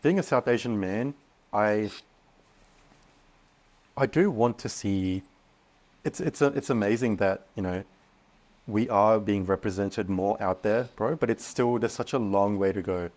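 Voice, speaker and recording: A young man speaking as a podcast guest, earnest and animated, often restarting his sentences. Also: lowish voice, measured pace, pauses often. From Australia. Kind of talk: casual podcast interview.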